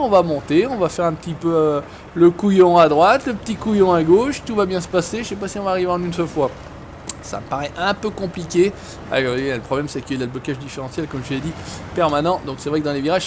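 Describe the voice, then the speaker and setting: A man's voice: sits high, slight background noise. A man hosting a gaming video, chatting casually and swearing at the game as he plays. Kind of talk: casual gameplay commentary.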